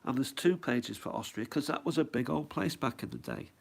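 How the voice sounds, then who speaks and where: A man's medium-pitched voice, lively in intonation, a little fast, and touched with vocal fry. Middle-aged and suffering a head cold, he shows off his stamp album at home in a casual, rambling way, wondering aloud and asking himself questions.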